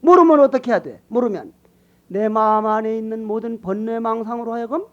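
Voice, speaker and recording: An older man, a Buddhist monk, giving a colloquial, teasing sermon that swings between loud calls to the congregation and quiet asides. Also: high voice, brisk. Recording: dull lo-fi sermon recording.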